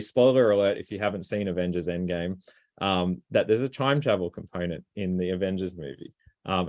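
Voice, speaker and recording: A middle-aged man presents a talk in a relaxed, conversational tone, often pausing with ums and restarting his sentences. His voice sits somewhat low. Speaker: robotics researcher giving a talk.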